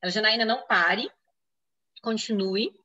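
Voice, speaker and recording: A Brazilian woman physician answers interview questions about a medical case from her own experience, explaining it and reenacting in a lively way what others said. Her mid-range voice has a breathy edge and a normal pace, and the sound is lo-fi.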